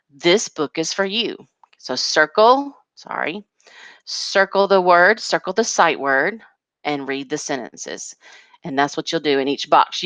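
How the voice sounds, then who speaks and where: A woman's voice: sits low, a bit bright, dry recording. A woman kindergarten teacher patiently walking parents through a home learning packet, step by step.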